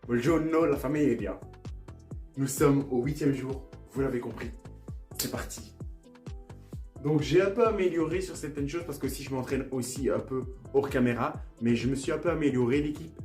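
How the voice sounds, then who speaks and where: This young man's voice is medium in pitch, a little mellow, and moves at a moderate pace. He's casually vlogging, testing language-app phrases by saying them again and again, and his playful humor is self-mocking. The room echoes, and faint music can be heard.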